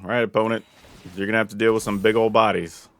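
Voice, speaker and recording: A Southern American man casually narrates his own card game, thinking out loud and getting worked up over big plays. His voice sits lowish and he talks at a quick clip.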